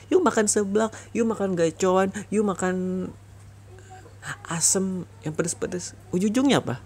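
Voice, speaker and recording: A man doing a bitter, husky breakup boyfriend. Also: high voice, a little mellow, full character voice. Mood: reproachful. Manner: heated, reproachful, repetitive scolding. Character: bitter young boyfriend breaking up with toxic girlfriend. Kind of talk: ASMR boyfriend role-play.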